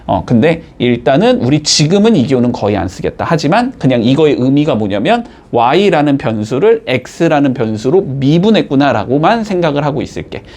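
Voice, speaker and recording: A man teaching a math class, explaining step by step and checking in with his students with quick rising tags. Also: fairly high pitch, sing-song, a little mellow. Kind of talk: classroom lecture.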